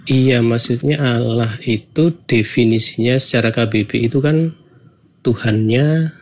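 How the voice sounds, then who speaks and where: A man's voice: mid-range voice, unhurried, a little mellow, slight background noise. A man in an online debate, asking questions in a hesitant way on a video call.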